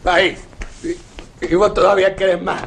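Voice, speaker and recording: An actor with a Rioplatense accent playing a bitter, sarcastic working-class man who mocks and shouts in bursts. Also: high voice, flat delivery, moderate pace, vocal fry, a little hiss or hum. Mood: mocking. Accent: Rioplatense Spanish. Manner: scornful, mocking, bursts into shouts.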